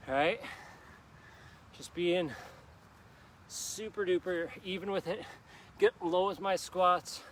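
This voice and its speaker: In a park, a male fitness instructor runs a live session, exercising alongside everyone, cheering them on and laughing at his own mistakes. He has a high-pitched, fairly bright voice, and there's slight hiss or hum.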